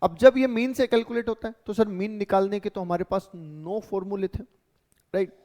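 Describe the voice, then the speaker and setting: A man's voice: high-pitched, steady tone, moderate pace, mellow. Man teaching in a reverberant classroom. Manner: explains step by step, checks in with "right" and "okay". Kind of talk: classroom lecture.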